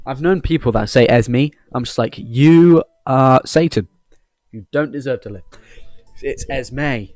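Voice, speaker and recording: Here a deep, darkish-toned man from England, the host of a gaming video channel, takes his time as he jokes and rambles through a playthrough, sometimes reading game lines aloud. There's no echo, just soft music underneath.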